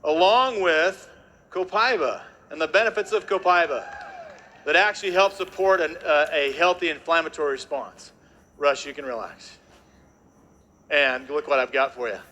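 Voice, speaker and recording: A man on stage jokes energetically with a live audience, peppering his talk with tag questions. His fairly high voice moves at a moderate pace over a slight hiss or hum.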